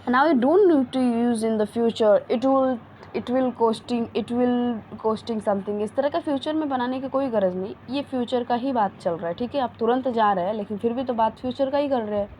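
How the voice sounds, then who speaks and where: A woman with an Indian accent teaching spoken English in a casual lesson, mixing chatty asides with slowly drawn-out example sentences. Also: on the high side, warm tone, slight background noise, low-quality recording.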